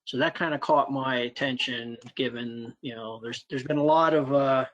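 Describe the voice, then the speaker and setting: A man's voice: medium pitch, steady tone, moderate pace, a bit bright, muffled recording. A man giving a casual, rambling report at an online planning meeting, full of ums and restarts. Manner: rambling, many fillers and restarts. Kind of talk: casual meeting report while screen sharing.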